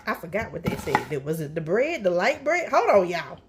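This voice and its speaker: A woman's voice: on the low side, sing-song, moderate pace. A middle-aged woman, chatting folksily through a casual cooking vlog in her home kitchen and calling viewers honey and child. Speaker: cooking vlogger. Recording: noisy room with chopping and clicks.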